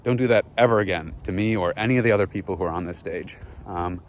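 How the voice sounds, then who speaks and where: A man's voice: low voice, fast talker, a little hiss or hum, close to an everyday voice. A man mimicking a haughty male online streamer, rude and condescending. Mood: scornful.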